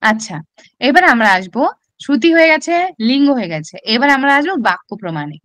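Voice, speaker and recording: A woman's voice: on the high side, very animated, fast, fairly bright tone, no echo. A woman teacher with a Bengali accent explains a classical text step by step in an online exam-prep class, often asking rhetorical questions.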